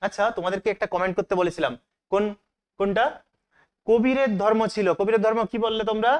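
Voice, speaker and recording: A male teacher with a fairly high voice works through an exam paper, question by question. He asks the class each question and answers it himself a moment later. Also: fast, clear, resonant tone. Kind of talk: online exam-prep lesson.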